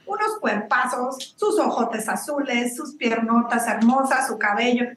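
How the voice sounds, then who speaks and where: Mexican lady in her 40s chatting away in an interview, high voice, lots of "right?" tags, kinda echoey room. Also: unhurried, a crowd in the background. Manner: animated, chatty, tag questions, slips into English words. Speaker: guest, business founder. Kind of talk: lively storytelling interview. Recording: roomy room with faint background noise.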